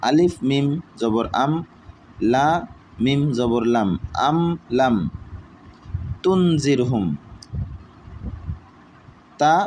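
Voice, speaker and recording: A man teaching Quran reading, who spells out each letter and vowel mark slowly and then reads the whole word. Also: mid-range voice, a little mellow, a little hiss or hum, rough recording. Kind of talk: slow letter-by-letter recitation lesson.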